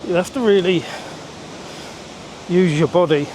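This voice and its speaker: A man with a fairly high, slightly mellow voice vlogs casually while climbing a wet, rocky mountain trail, chatting between bursts of effort. It's on-the-go hiking narration, recorded outdoors with lots of noise from a rushing stream.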